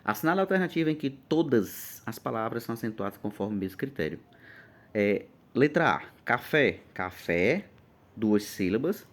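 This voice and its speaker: Lively man teaching exam prep. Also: mid-range voice, brisk. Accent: Brazilian Portuguese. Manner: lively, emphatic, checks in often. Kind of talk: informal exam-prep lesson.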